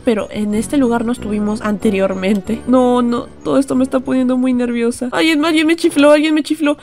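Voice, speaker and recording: A woman's voice: fairly high pitch, a little mellow. A young woman streaming a horror game, chatting nervously to viewers and breaking into frightened shrieks. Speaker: gaming streamer.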